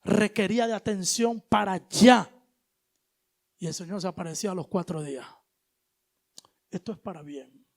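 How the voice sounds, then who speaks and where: A male preacher giving an animated sermon, moving between loud exhortation and hushed asides, with casual slang. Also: sits high, normal speed, creaky, pauses often. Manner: colloquial, uses street slang.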